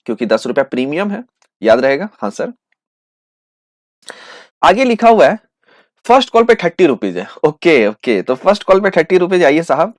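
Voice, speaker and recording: A man teaching an accountancy exam revision lesson, asking questions and answering them himself in a student's voice, drawing out each answer with slow emphasis. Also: a little high, very animated, no echo, studio quality. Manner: plays both teacher and student in a back-and-forth.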